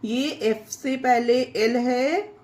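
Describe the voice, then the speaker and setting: Slow, high-voiced teacher woman. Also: a little mellow. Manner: spells words letter by letter and repeats them; addresses viewers as friends. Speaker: English pronunciation teacher. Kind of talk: slow step-by-step lesson.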